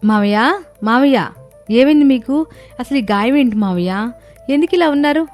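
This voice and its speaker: ఒక స్త్రీ నటిస్తున్న అమాయకపు యువ పల్లెటూరి కోడలు. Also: female voice, high-pitched, lively intonation, normal speed, a little mellow, soft background music. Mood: distressed. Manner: pleading, distressed. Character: innocent young village daughter-in-law.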